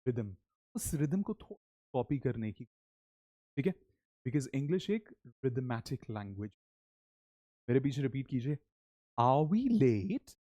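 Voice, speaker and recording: A man teaching English in Hindi, leading slow, animated repeat-after-me drills. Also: medium pitch, no echo. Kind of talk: spoken English lesson in Hindi.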